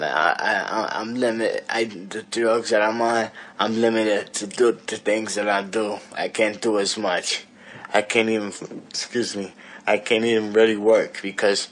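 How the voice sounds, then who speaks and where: Halting low-voiced man talking to camera. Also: fairly bright tone. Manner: halting, many restarts and fillers. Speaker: interviewee. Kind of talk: casual talk to camera. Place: small apartment indoors.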